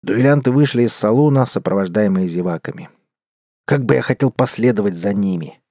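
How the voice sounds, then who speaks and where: A man reading a western adventure story aloud in an expressive first-person narration. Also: on the low side, a little fast, dry recording, studio quality. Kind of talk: audiobook narration.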